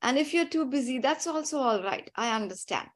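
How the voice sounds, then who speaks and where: A woman with an Indian accent leads an interactive children's class over a video call. Her voice sits a little high. She instructs patiently and gives plenty of encouragement. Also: expressive, fairly quick. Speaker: teacher leading an online religious class for children.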